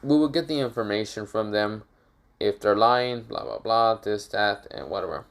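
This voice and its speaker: A man's voice: fairly low pitch, moderate pace. A man casually improvising a fan fiction story, rambling with fillers and restarts.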